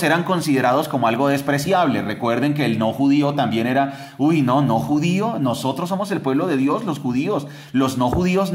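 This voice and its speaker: A man with a slightly high voice gives a lively Bible teaching on a podcast. He moves his pitch up and down a lot and keeps asking listeners rhetorical questions as he explains. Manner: animated, acts out quoted voices with big pitch jumps.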